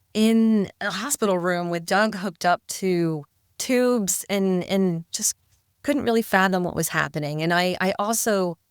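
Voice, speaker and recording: Middle-aged woman guest, lowish pitch, smooth tone; reflective, hesitant. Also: no echo, studio quality. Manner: reflective, hesitant with repeated words. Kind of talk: interview storytelling.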